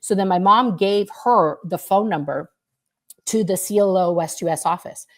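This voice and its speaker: A woman on a video call, telling her past experiences as a guest in a casual, animated way with fillers and swearing. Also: mid-range voice, moderate pace. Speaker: guest, former member recounting experiences. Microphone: computer mic on a video call.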